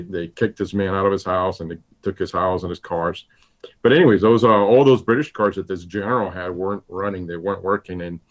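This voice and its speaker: A Cuban-born man in his fifties, a guest on an interview show. His voice sits very low, and he tells his story casually, wandering along with lots of "uh" and "kinda". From Cuba. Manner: relaxed, rambling storyteller with many fillers. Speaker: guest, gravel event organizer.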